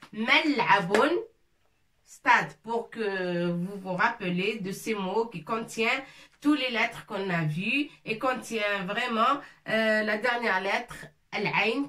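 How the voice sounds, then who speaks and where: A woman teaching with slow, unhurried patience, going over each word again and again syllable by syllable. Her voice sits a little back from the microphone. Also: medium pitch, a bit bright, recorded from a distance. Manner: patient, repeats words syllable by syllable. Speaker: Arabic teacher. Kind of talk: slow spelled-out language lesson.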